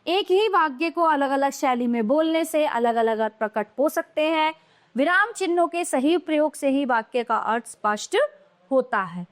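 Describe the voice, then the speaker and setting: A woman's voice: sits high, fairly bright tone. A woman teaching a grammar lesson to young children, explaining patiently and answering her own questions.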